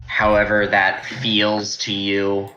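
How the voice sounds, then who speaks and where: A man acting as game master, narrating and making rulings in a measured, matter-of-fact, casual way. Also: on the low side, monotone, bright, forceful tone, muffled recording, slight background noise.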